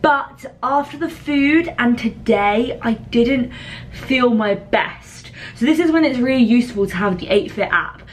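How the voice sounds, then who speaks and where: Chatty woman vlogging. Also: on the high side. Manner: chatty, self-deprecating. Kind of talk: casual vlog chat. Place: small bathroom at night.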